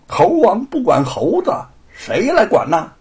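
Man doing a fired-up young scholar, raised husky voice, storybook telling. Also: high-pitched, wildly swooping pitch, a little slow, darkish tone, pitched above the performer's own voice, heavily acted. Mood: indignant. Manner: heated, demanding. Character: indignant young male scholar, self-styled monkey king.

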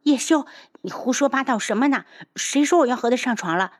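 A woman voicing a pretty, hot-tempered young man who shouts his insults in a high, agitated voice. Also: moderate pace, close to an everyday voice. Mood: furious.

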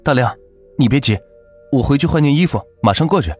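Gruff country villager, blunt and plain-spoken, lively delivery, as a male narrator voices him. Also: mid-range voice, quick pace, soft background music, pitched above the performer's own voice. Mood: concerned. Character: middle-aged village man, blunt and gruff.

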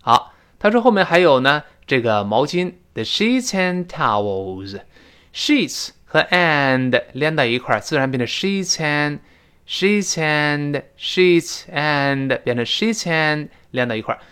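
A male English teacher lecturing in a chatty classroom manner. His pitch swings widely as he explains. He slows right down to drag out each word he demonstrates. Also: smooth. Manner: animated, drawn-out demonstrations of pronunciation. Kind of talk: spoken-English lesson lecture.

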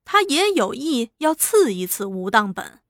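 A woman telling a serialized story with measured, expressive narration. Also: a little high, no echo, clean studio sound.

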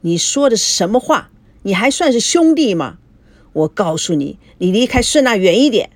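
A touchy, jealous young man with a sullen edge, as a woman puts him on. Recorded dry and close, with a lively rise and fall in the lines. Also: mid-range voice, measured pace, no echo. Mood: resentful. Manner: tense and sullen.

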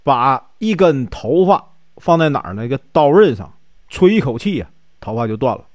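A man's voice: medium pitch, very animated, normal speed, darkish tone, dry recording, clean studio sound, natural voice. A man voicing a proud, down-on-his-luck warrior who speaks firmly. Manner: firm, proud.

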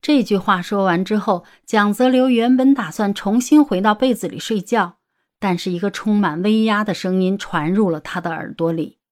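A woman narrating an audiobook romance story in a steady storytelling manner. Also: mid-range voice, normal speed.

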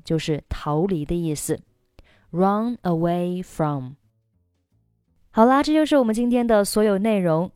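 A woman teaching English in a recorded lesson, explaining slowly and carefully and repeating key words. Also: lowish voice, mellow, dry recording, clean studio sound.

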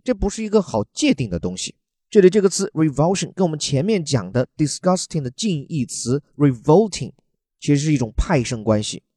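A man's voice: on the high side, dark tone, no room sound, clean studio sound. A man from China, teaching English words from a news article in a chatty, joking way and spelling words out letter by letter.

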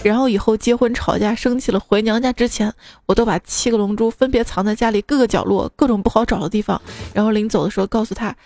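A woman's voice: on the high side, quick pace, darkish tone, no echo, studio quality. A woman host reading funny listener stories in a playful, teasing way, in her speech. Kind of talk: casual comic storytelling. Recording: background music under the voice.

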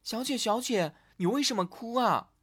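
A man's voice: extremely high pitch, expressive, normal speed, fairly bright tone, slightly rough, voice pushed up, heavily acted. A man voicing a simple, obliging young maid in a storybook. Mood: eager. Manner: eager, admiring.

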